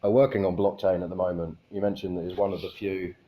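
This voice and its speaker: A man with a naturally deep, low voice hosts an interview over a call. He asks his questions politely and rephrases them to make them clear. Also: little pitch movement, fast talker, dark tone.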